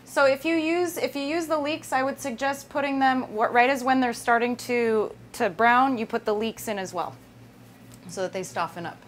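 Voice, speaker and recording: A woman in her thirties with a high voice hosts a casual live cooking demonstration at normal speed, chatting through each step. She's on an indoor kitchen set with a wooden worktop, and the recording is noisy with kitchen ambience.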